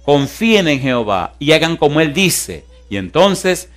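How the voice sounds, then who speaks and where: A man preaching from the pulpit as pastor. He swings between booming questions to the congregation and soft, hushed storytelling in a church sanctuary. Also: measured pace. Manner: animated preaching, shifts from loud calls to hushed storytelling. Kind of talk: sermon.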